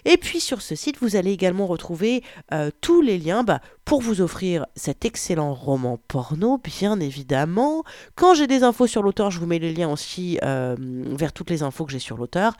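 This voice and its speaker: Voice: mid-range voice, sing-song, moderate pace, a little mellow, no room sound. Chatty podcast host, dry close sound. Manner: chatty, many fillers and restarts. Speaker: erotic podcast host and reader. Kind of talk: casual chat to listeners.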